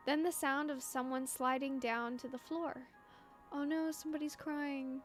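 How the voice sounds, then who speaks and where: A woman streamer reading a story game aloud, narrating expressively with playful asides. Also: sits high.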